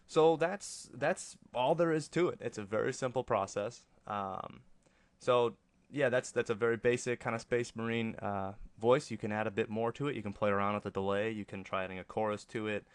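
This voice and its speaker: A man presenting a casual, offhand software tutorial as a voice-over to a screen recording. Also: on the low side, flat delivery, brisk, smooth, no room sound. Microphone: close microphone, voice-over for screen capture.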